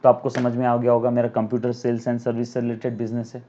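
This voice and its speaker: A man's voice: mid-range voice, completely flat delivery, dark tone, dull audio. Man teaching accounting in a recorded lecture. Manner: dictates definitions slowly and repeats words for students; calls students "my child" and asks "yes or no?". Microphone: camera mic.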